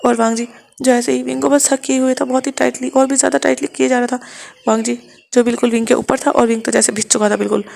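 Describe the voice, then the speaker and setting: A woman narrating a fan fiction story quickly, often restarting her sentences. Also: on the high side, little pitch movement, creaky, darkish tone. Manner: rapid, with frequent restarts.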